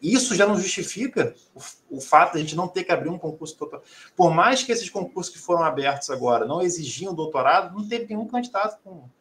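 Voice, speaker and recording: A Brazilian man, a faculty council member, arguing his position fast in a formal meeting, with many restarts. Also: high voice, animated, fairly bright tone, a little hiss or hum. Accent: Brazilian Portuguese.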